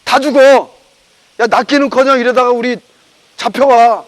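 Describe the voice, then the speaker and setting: Panicky friends and family, put on by a male preacher, scolding in a rush. The voice is very high and strained with alarm. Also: fairly even intonation, normal speed, long reverb tail.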